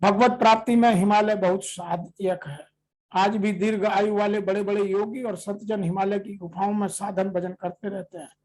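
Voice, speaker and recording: A scripture teacher, reading verses slowly and then explaining them in a steady, measured commentary. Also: medium pitch, low-quality recording.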